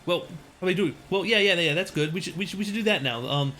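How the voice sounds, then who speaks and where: A man imitating a chatty male coworker who talks in fast run-on sentences. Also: sits high, bright, forceful tone, slight background noise. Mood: eager.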